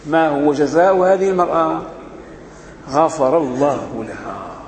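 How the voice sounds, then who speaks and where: A religious teacher with a Moroccan accent gives an emphatic religious lesson, posing rhetorical questions and then answering them himself. His voice is on the high side and a little slow. The echoey hall carries crowd noise and faint background sounds.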